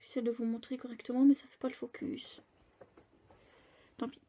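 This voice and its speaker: A woman's voice: on the high side, little pitch movement, normal speed, warm tone. A young woman chatting casually in a book vlog, rambling with fillers and restarts. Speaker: book vlogger. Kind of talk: casual chat.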